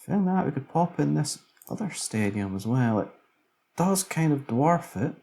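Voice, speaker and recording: A man's voice: on the high side, big pitch swings, moderate pace, vocal fry, darkish tone. A man casually commentating a city-building game, musing aloud as he builds, tired late at night. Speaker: let's play commentator.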